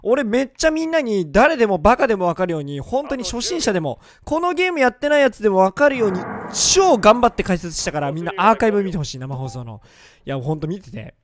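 A hoarse man giving excitable, joking gameplay commentary, often mocking himself. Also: high voice, quick pace. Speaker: gaming video creator.

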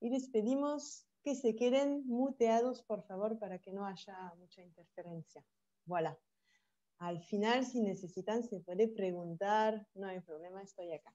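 A French woman teaching a French class online, explaining slowly and carefully with asides in Spanish. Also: mid-range voice, warm tone, highs cut off. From France. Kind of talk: online language workshop. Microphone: video call.

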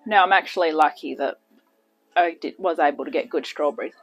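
A woman's voice: low voice, a little fast, faint music behind, low-quality recording. Woman, casual cooking demo, rambling asides, home kitchen, phone camera on the counter. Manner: chatty, self-deprecating, rambling asides. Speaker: home cooking channel host.

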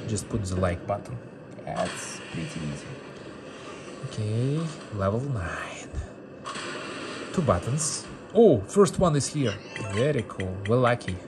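Against a noisy background and game music, a medium-pitched male mobile game streamer gives casual commentary. He's playful and repetitive, echoing his own words and phrases in non-native English.

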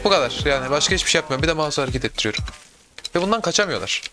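A young adult man doing casual gameplay commentary, excitable, talking to himself and viewers with sudden yelps. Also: fairly high pitch, very fast, over music. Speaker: gaming YouTuber.

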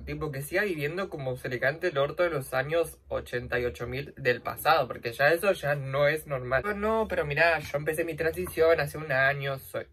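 A young woman with a Rioplatense accent telling a dramatic, slangy story while doing her makeup for a vlog. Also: noisy background. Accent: Rioplatense Spanish. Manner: dramatic, slangy, swings between loud outbursts and low asides. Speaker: vlogger.

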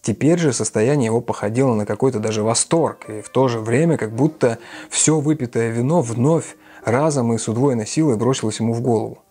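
A man reading a classic novel aloud as an audiobook with steady narration. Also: medium pitch, brisk, hardly any pauses, slightly rough. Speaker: reader.

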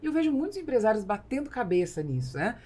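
This middle-aged podcast host has a Brazilian accent and interviews conversationally, close to a boom-arm microphone indoors in a small studio with acoustic foam. She talks fast in a slightly high, dark, slightly rough voice with big pitch swings.

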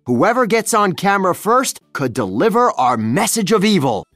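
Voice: mid-range voice, very animated, normal speed, a bit bright, dry recording, clean studio sound, soft background music, pitched above the performer's own voice. A storybook reader voicing a pompous, theatrical evil male scientist who exclaims his schemes in a raised voice. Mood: scheming. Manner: exclaiming, melodramatic.

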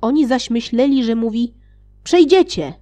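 A woman reading a fairy tale aloud, playful, with sarcastic asides and loudly acted quotes. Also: lively intonation, moderate pace. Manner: reads with sarcastic asides and laughs; acts out shouted quotes with raised pitch. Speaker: audiobook reader.

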